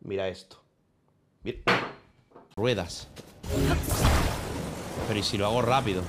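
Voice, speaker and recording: A man's voice: lowish voice, unhurried, loud music behind the voice. A man, chatting casually on a live stream while he games, swearing freely and breaking into laughter.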